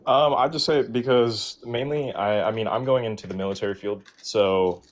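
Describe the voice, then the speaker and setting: A man's voice: on the low side, normal speed. A young man calling into a livestream debate, talking hesitantly with many ums. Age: young adult. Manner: hesitant, full of ums and hedging. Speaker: caller. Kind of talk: casual debate talk.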